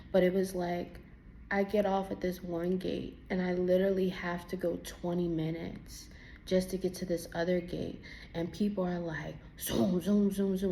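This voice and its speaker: Gravelly, teary young woman telling her story. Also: lowish voice, a little hiss or hum. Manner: animated, acts out her own dialogue. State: teary from crying. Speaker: vlogger giving a testimony. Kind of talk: casual personal storytelling.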